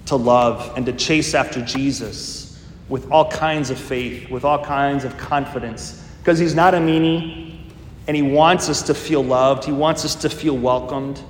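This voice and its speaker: A man's voice: medium pitch, steady tone, a little slow, slight background noise. A priest in his fifties giving a homily in a conversational, storytelling way. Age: 50s. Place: church. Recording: echoey church, long reverb, faint ambience.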